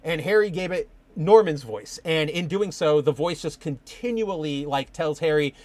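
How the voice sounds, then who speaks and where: A man's voice: fairly high pitch, lively intonation, moderate pace, a little mellow, dry recording. A young man hosting a casual live-streamed podcast, rambling and enthusiastic, full of fillers. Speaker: podcast host.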